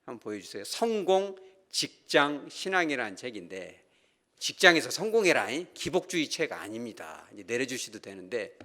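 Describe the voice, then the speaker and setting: Animated, bright-voiced Korean pastor. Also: male voice, mid-range voice, moderate pace. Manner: animated storytelling, acts out quoted characters; asks the congregation questions. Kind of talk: sermon.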